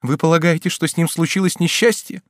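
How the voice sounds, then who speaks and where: A man's voice: medium pitch, brisk, dry recording, clean studio sound, pitched above the performer's own voice, close to an everyday voice. A man voicing a distraught young countess in an audiobook, with a raised, strained pleading voice. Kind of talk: audiobook character reading.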